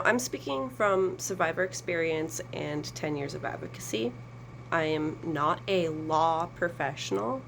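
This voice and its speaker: A woman's voice: lowish voice, creaky, a little hiss or hum, low-quality recording. A woman advocate speaking earnestly to camera, explaining a process with emphasis and sarcasm. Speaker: survivor advocate.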